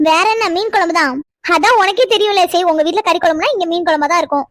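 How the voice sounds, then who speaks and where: A woman voicing a busy, kindly middle-aged village aunt in a cartoon, brisk and teasing. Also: extremely high pitch, fairly bright tone, dry recording, clean studio sound. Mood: motherly. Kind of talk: cartoon voice acting.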